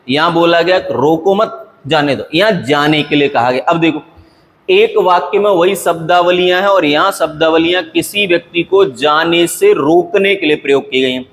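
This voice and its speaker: A man's voice: a little high, a bit bright. Patient male Hindi teacher, echoing hall. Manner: patient, repetitive explaining with frequent "okay" check-ins; slows down to read example sentences with deliberate pauses. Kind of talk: classroom lecture. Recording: long hall reverb.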